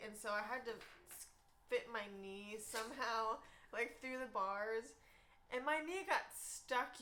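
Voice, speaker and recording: A woman's voice: fairly high pitch, sharp tone. A young woman from Texas hosting a youth ministry livestream from home, chatting casually and giggling as she tells stories.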